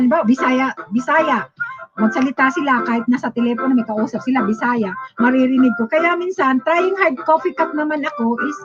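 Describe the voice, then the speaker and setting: Woman, Bicolano-tinged Filipino accent, high voice, chatty livestream host, frequent laughter, dull lo-fi sound, music playing behind. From Bicol region, Philippines. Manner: chatty, laughs often, trails off with fillers. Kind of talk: casual livestream chat reading viewer comments.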